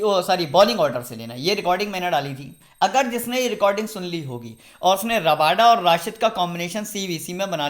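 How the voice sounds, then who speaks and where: A man's voice: high-pitched, fairly bright tone. A man giving fantasy cricket team tips in a casual, chatty video, talking straight to his viewers and repeating his advice. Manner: talks directly to viewers, instructive and repetitive.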